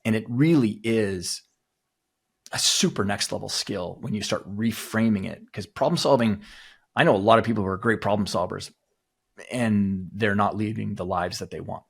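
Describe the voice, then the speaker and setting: Man, podcast guest, mindset coach, emphatic explainer, lowish voice, husky. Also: moderate pace. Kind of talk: conversational podcast interview.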